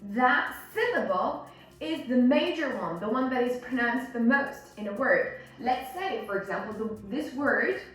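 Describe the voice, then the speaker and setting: A woman's voice: high-pitched, fairly bright tone. A woman teaching pronunciation as an instructor, demonstrating words and sounds and often checking that the learner follows. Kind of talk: instructional lesson on American English sounds. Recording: very roomy echo, distant mic, faint music.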